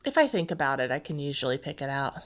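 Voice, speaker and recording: A woman's voice: extremely low pitch, sing-song, fast talker. A woman with a New Jersey accent co-hosting a podcast in casual chat, matter-of-fact with dry teasing. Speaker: podcast co-host.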